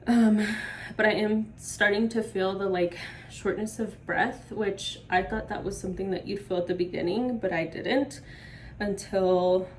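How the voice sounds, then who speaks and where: A woman's voice: medium pitch, darkish tone, recorded from a distance, a little hiss or hum. A young woman vlogging at home while sick, short of breath and with a sore throat, rambling casually with lots of "like" and "um". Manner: rambling, heavy use of "like" and "um". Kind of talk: casual chat to camera.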